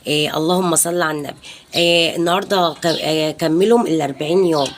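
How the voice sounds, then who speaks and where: An Egyptian-accented woman in her thirties talks quickly in a casual home vlog, with a slightly low voice. She rambles warmly from one thing to the next and sprinkles her chat with religious blessings. Faint noise sits under her voice. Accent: Egyptian Arabic. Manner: chatty and rambling, peppered with pious blessings. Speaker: home vlogger and mother. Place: home balcony.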